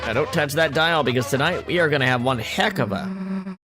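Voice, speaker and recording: Casting: man playing a showy, excitable game show host for a video game, booming prize-announcer delivery over music. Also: brisk, lightly acted. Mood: showy, excited.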